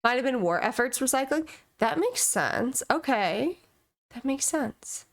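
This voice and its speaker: A woman's voice: sits high, animated, unhurried. A woman streaming a video game, chatting casually, reading in-game documents aloud, and reacting with amused asides.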